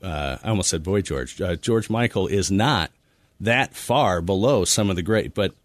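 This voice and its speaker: A man debating on a radio panel in a studio, talking in a measured, dry manner. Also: deep voice, animated, dry recording.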